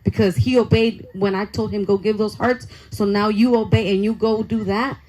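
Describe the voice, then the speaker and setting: A young adult woman, a youth pastor, telling an excitable, chatty testimony sermon to young people and saying "like" a lot. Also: mid-range voice, normal speed, rough recording. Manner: excitable, chatty storytelling full of "like".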